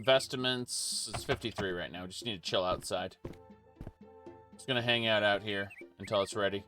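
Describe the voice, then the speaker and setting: A man's voice: lowish voice, sharp tone. A man giving casual, rambling commentary over a role-playing game, with many fillers, restarts and laughs at his own jokes. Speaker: let's play host.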